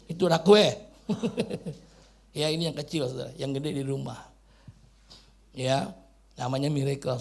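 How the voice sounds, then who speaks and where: A man, preaching a joking sermon into a wireless mic, dropping to quiet asides and then shouting. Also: mid-range voice, gravelly, slightly rough. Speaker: pastor. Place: church hall. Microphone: wireless handheld mic.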